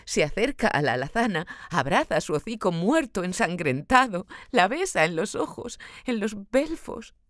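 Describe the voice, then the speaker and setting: A woman narrates a literary audiobook in a slow, measured, dramatic way. Her voice sits in the middle of the range. The recording is dry and close. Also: medium pitch, dry recording.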